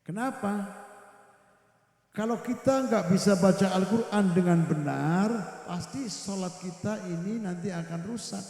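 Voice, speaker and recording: A man's voice: high voice, creaky, a little mellow. A middle-aged man, teaching Quran reading to a women's gathering. He stresses his points by repeating them and now and then asks the audience questions. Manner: emphatic, repeats key phrases, chats with the audience. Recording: very echoey hall with long reverb.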